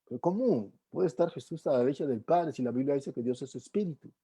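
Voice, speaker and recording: A Bible class teacher leading a church class, asking the room rhetorical questions and checking in with quick tag questions. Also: medium pitch, expressive, warm tone, breathy edge. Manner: keeps tagging questions to the class; asks and answers rhetorical questions.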